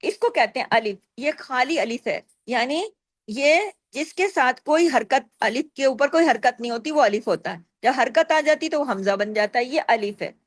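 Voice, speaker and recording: A woman's voice: high voice, lively intonation, moderate pace, no room sound. A woman teaching Quran recitation rules, explaining step by step and stretching out the recited examples. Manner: patient, explains step by step, asks and answers her own questions. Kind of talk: tajweed lesson with recited examples.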